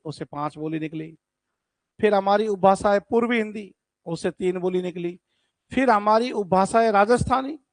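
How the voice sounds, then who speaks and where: A man with a high voice teaches an online exam-prep class, speaking directly to his students. He's lively and stretches out words for emphasis, and the recording has no room sound.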